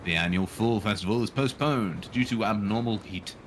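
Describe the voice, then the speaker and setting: A man with a lowish voice, speaking at normal speed over slight background noise, streams a visual novel live. He reads the game aloud and tosses in dry, irreverent joking asides.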